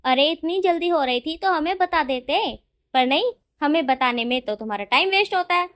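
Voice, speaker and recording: A woman's voice: high voice, expressive, moderate pace, a bit bright. A woman voicing a stern older uncle who lectures and scolds in mock anger. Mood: scolding. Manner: lecturing, exasperated.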